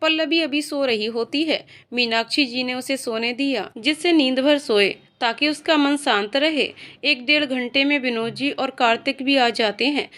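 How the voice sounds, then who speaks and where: A woman's voice: high-pitched, normal speed, few pauses, fairly bright tone. A woman reading an emotional story aloud as narrator, voicing every character in her own voice.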